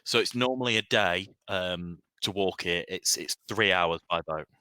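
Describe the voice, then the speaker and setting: A man's voice: low voice, moderate pace, bright, forceful tone, clear, resonant tone, dry recording. A man running a tabletop game as game master, describing the scene step by step.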